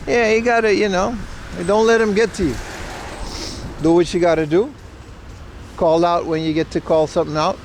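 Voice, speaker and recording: A man's voice: sits high, steady tone, moderate pace, long pauses, a little hiss or hum. A man talking into a livestream headset mic, rambling casually outdoors as a live-stream host. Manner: rambling, laid-back, swears casually. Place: outdoors in a city, near a parking garage.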